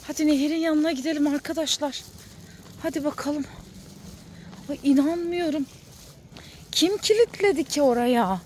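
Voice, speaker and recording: Woman vlogger with a very high, squeaky voice for a kids' channel; gushes and coos, faint hiss behind. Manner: excited, cooing to kittens, addresses viewers as friends. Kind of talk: kids' channel vlog narration.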